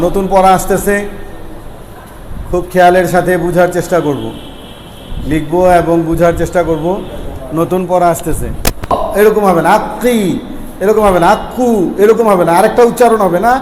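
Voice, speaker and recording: A man teaching Arabic letter pronunciation, repeating sounds and quizzing his class. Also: high-pitched. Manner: repeats sounds slowly, asks the class questions. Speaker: Quran recitation teacher. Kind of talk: explaining Arabic pronunciation lesson. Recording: echoey room with faint ambient noise.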